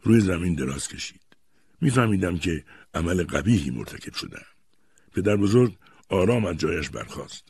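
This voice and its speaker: A man narrating an audiobook in an expressive storytelling manner. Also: deep voice, creaky, breathy edge, no room sound. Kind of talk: scripted narration.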